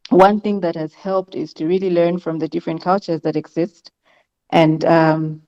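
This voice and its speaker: A woman from Zambia speaking as a panelist in an online discussion, measured and thoughtful with frequent ums. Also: fairly low pitch, mellow. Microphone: video call. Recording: muffled lo-fi video call audio.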